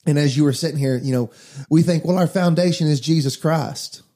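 Earnest preaching man, mellow voice. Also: fairly high pitch, a little fast. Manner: earnest, preachy, addresses listeners as guys. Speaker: pastor. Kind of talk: casual faith talk.

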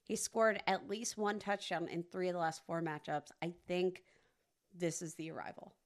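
A woman's voice: fairly low pitch, steady tone, normal speed. A woman co-hosting a casual sports podcast, talking emphatically and teasing her co-host, with many fillers.

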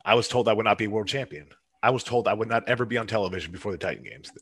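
A man who runs competitions, chatting fast and getting fired up and preachy about his mission. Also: fairly low pitch, a bit bright, breathy edge. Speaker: competition promoter. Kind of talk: casual chat.

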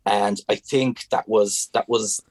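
A man's voice: fairly low pitch, fairly even intonation, slow pace, darkish tone, dry recording. Man, young adult, Hungarian accent, native Hungarian speaker, casual interview guest, hesitant, many restarts. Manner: hesitant, searching for words, frequent restarts.

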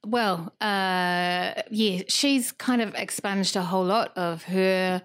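A woman's voice: medium pitch, slow pace, fairly bright tone, clear, resonant tone. A woman co-hosts a casual podcast, speaking in a colloquial, sardonic way. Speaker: podcast co-host. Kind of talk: casual, joking panel chat.

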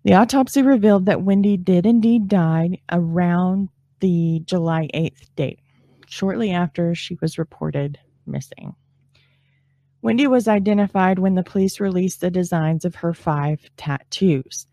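A woman with a lowish, dark and relaxed voice narrates true crime like a suspenseful crime show. Her phrasing is deliberate and grave, with dramatic pauses. The sound is close and very dry. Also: no room sound. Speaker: true crime podcast host. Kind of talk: true crime narration, partly scripted with spoken asides.

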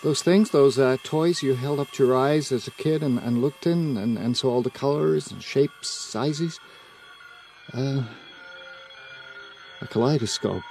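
An actor playing a bitter, self-loathing spaceman facing death in a radio drama, halting and theatrical. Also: mid-range voice, gravelly, darkish tone, faint music behind, rough recording. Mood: awestruck wonder.

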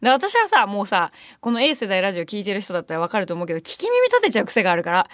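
A young woman hosting a radio show, telling a story in a casual, animated way, with laughter and playful retorts. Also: mid-range voice, very fast, no echo, studio quality. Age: young adult. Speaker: radio host. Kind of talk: casual chat. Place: radio studio. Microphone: studio microphone.

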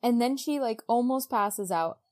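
Recapping a book on her podcast, a female co-host voices the dialogue in casual modern slang. Her voice is a little high with a darkish tone, and she keeps a moderate pace.

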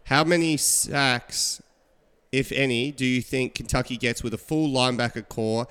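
A man hosting a casual sports podcast, telling stories with animated quoting. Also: mid-range voice, moderate pace, clear, resonant tone, big-room sound. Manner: animated storyteller, acts out quotes. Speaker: podcast host. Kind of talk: casual chat.

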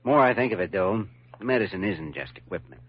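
An actor playing a thoughtful, persuasive young hospital doctor in a classic radio drama, speaking in an earnest, measured manner. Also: male voice, on the low side, animated. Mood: deliberately offhand. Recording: muffled, noisy old radio recording.

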